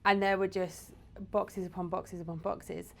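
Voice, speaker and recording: A woman's voice: lowish voice, flat delivery, measured pace, vocal fry, fairly bright tone. A woman from England, co-hosting a casual, teasing podcast chat at home. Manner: chatty, laughing, teasing. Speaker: podcast co-host. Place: home in the UAE.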